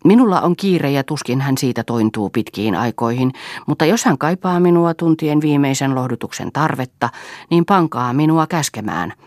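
A woman reading aloud voices a pompous middle-aged male pastor, loud and monotonous. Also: rumbling low, no room sound, clean studio sound. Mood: preachy.

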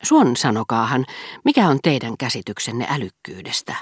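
A woman reading aloud voices a showy gentleman who asks probing questions to show off. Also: very deep voice, big pitch swings, husky, dry recording, studio quality, exaggerated voice. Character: showy man eager to shine in conversation.

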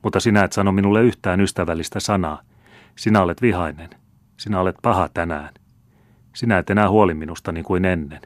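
A man's voice: sits low, no room sound, lightly acted. A man reading an old storybook tale, voicing an ardent seventeen-year-old count who speaks earnestly and pleadingly.

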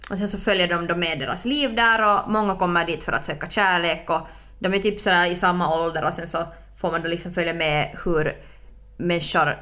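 A woman's voice: fairly low pitch, sharp tone. Chatty young woman podcast co-host. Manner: chatty, filler-heavy, playful. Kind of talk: casual chat.

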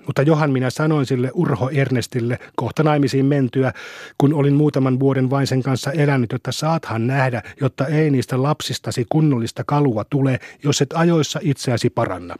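Brief: gossipy, moralizing neighbor woman, as a male reader puts her on, husky, higher and shrill. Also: a little mellow, no echo, clean studio sound, lightly acted. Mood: lamenting. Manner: lamenting, shrill when triumphant. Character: flustered, preachy neighbor woman, middle-aged.

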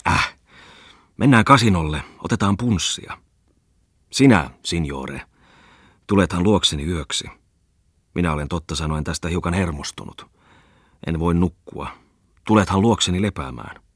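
A man reading an audiobook voices a loud, excitable lame man who rants scornfully and breaks into shouts. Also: sits low, long pauses, slightly rough, no room sound, clean studio sound, heavily acted. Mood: weary. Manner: raves loudly, jumps into shouts. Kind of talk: audiobook character voice.

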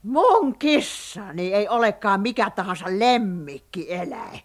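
An actress playing an excitable centuries-old witch who dotes on her cat, in a children's radio play, with a lilt. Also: mid-range voice. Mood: proud. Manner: giddy, boastful, bossy.

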